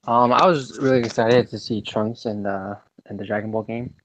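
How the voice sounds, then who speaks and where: A man in a casual gaming podcast, hesitant and filling pauses with "um" and "like". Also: on the low side, steady tone, slight background noise. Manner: hesitant, lots of "um" and "like". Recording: dull lo-fi mic.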